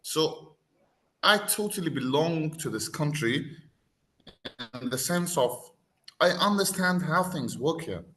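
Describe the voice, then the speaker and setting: A man's voice: a little high, animated, slow pace, long pauses, fairly bright tone. A man raised in the UAE, talking reflectively as a podcast guest and explaining with everyday examples. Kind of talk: conversational panel talk.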